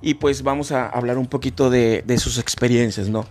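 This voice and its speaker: A man's voice: mid-range voice, steady tone, normal speed, a little mellow. Guy hosting a podcast, rambly, lots of "pues" and restarts, faint music behind. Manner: rambling, many fillers and restarts. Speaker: podcast host. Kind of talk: casual chat.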